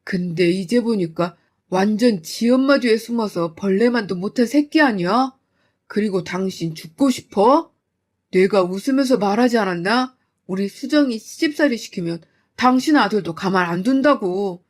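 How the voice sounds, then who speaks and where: A woman's voice: mid-range voice, lively intonation, moderate pace, natural voice. A woman voicing an enraged, doting middle-aged father who speaks sternly and threateningly.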